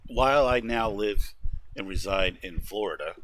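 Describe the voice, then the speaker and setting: A man's voice: fairly low pitch, moderate pace, a bit bright, slight background noise. A man who grew up in New York state, streaming a game and chatting casually in a rambling way, with lots of fillers. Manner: rambling, filler-heavy, chuckles often. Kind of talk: casual chat while gaming.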